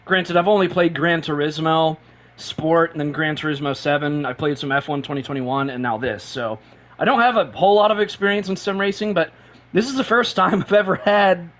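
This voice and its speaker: High-voiced, excitable male streamer. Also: a little fast. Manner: excitable, rambling, repeats himself. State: short on sleep and caffeinated. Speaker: sim racing live streamer. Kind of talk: excited live-stream chat.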